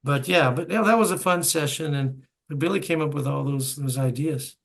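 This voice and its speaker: A man's voice: a little high, normal speed, gravelly, a bit bright. A man in his seventies hosting an interview, telling stories with chuckling asides. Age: 70s. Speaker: host and bandleader. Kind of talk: reminiscing interview chat.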